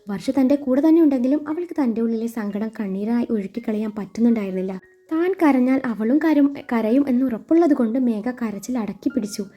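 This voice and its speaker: A woman storyteller reading a romance story in a steady, expressive narration. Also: a little high. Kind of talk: scripted narration. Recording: muffled recording with soft music.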